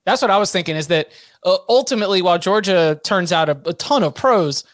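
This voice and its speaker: A man's voice: sits high, expressive, fast talker, fairly bright tone, dry recording, studio quality. A man co-hosting a casual sports podcast, playful and emphatic. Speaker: podcast co-host.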